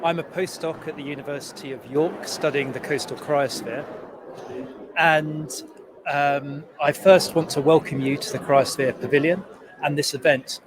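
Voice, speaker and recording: Young postdoc opening an event. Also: male voice, fairly high pitch, background noise. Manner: hesitant, with fillers. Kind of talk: event host introduction.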